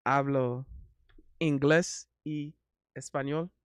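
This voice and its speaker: A livestream host and singer born in Miami to a Haitian family, a native English speaker, chats casually with hesitant ums, switching between Spanish and English. His mid-range voice is clear and resonant, with fairly even intonation and a very slow pace. The recording is dry, with clean studio sound.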